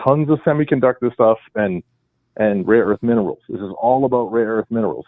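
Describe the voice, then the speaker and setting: Calling a radio show from home, with his wife by his side, a man in a Boston accent gives a long, rambling, emphatic explanation. His voice is mid-range and free of echo. The call comes over a dry phone line, on speakerphone and then the handset.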